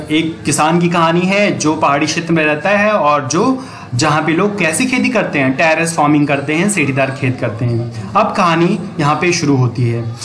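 A man's voice: on the high side, fairly bright tone, rough recording. A male teacher explaining an English story line by line in Hindi, translating each word and putting questions to his students.

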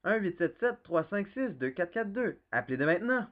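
A man's voice: high voice, sing-song, a little fast. A man playing an insistent infomercial announcer pushing a phone offer. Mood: urgent selling. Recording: tinny phone-like band-limited sound.

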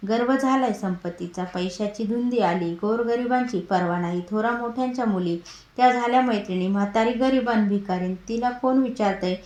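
A woman's voice: a little high, normal speed, a little mellow, close to an everyday voice. Brief: indignant old beggar woman, bitter and scolding, read by a woman narrator, echoey room. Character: angry old beggar woman, a goddess in disguise. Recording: roomy echo.

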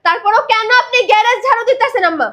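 A young woman playing the wife of an expat worker, who scolds forcefully and insists on being obeyed. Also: very high-pitched, animated, very fast, full character voice. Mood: angry. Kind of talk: amateur drama acting.

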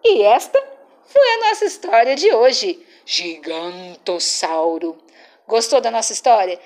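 Lively, sing-song woman storyteller. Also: fairly high pitch, moderate pace. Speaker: children's storyteller. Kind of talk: reading a picture book aloud.

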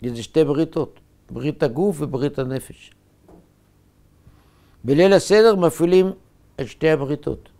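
A man, a rabbi, preaching a sermon in short, emphatic, measured phrases. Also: fairly high pitch, warm tone.

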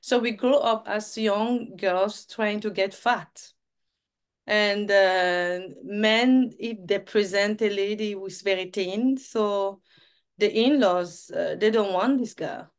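A woman's voice: medium pitch, slow, clean tone. A woman, hosting an interview over a video call and giving short affirming replies. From Cameroon. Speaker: host. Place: home setup with virtual background.

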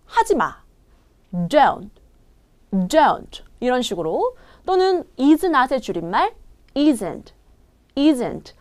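A woman teaching English pronunciation in an online lesson, repeating short English phrases slowly for learners to copy. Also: high voice.

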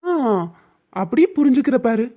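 A woman's voice: high voice, animated, normal speed. A woman voicing a young husband in a cartoon, doting and teasing, coaxing with playful scolding. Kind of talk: cartoon dubbing. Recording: tinny phone-like sound.

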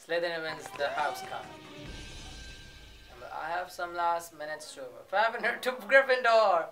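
A man's voice: a little high, unhurried, music in the background. A man casually reacting to short clips, chatty and laughing often. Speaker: reaction video host.

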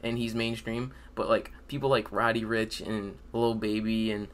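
A man's voice: lowish voice, little pitch movement, moderate pace. A man in his late teens hosting a podcast, chatting casually and informally from his room at home. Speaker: podcast host. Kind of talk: casual chat. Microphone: desk microphone on video call.

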